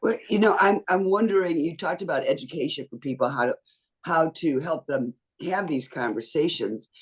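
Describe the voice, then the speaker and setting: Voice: medium pitch, normal speed, slightly rough. A participant on a video call asking a thoughtful question. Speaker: audience participant.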